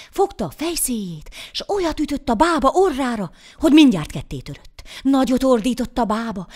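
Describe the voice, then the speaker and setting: A woman narrating a folk fairy tale in an expressive, animated storytelling voice. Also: on the high side.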